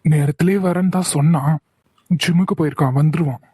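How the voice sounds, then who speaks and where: A man voicing a gentle middle-aged husband in a cartoon, calm and affectionate with his wife. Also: fairly high pitch, a little fast, slight background noise, close to an everyday voice. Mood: fond. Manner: mild, affectionate. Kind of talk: cartoon voice acting.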